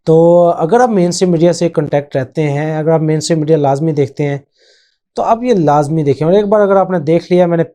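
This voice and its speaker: A man's voice: a little high, warm tone. A man hosting his own channel, talking through a topic in casual spoken commentary, rambling with frequent hesitations and English phrases mixed in. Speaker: channel host.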